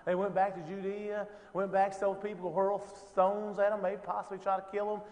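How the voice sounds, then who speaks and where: A man's voice: high voice, level tone, a little fast, a little mellow, long reverb tail, dull audio. A man teaching an informal Bible lesson, talking conversationally with lots of fillers and rhetorical questions.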